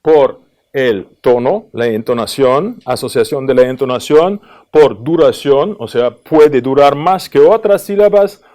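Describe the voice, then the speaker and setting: A man presenting at an academic conference, explaining in a thoughtful, questioning way with frequent pauses and filler sounds. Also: mid-range voice, animated, mellow. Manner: analytical, questioning tone.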